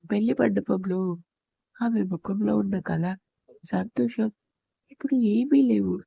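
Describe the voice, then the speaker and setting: A woman narrating an emotional love story in a steady storytelling manner. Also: mid-range voice, unhurried, gravelly, breathy edge, no echo. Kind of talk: scripted audio-story narration.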